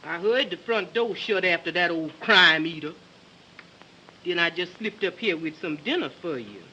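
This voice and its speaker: A woman's voice: fairly low pitch, animated, moderate pace, sharp tone. A woman playing a folksy, scolding, motherly maid with a Southern US accent in an early talkie film. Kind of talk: early talkie film acting, broad comic. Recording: dull, hissy early sound film.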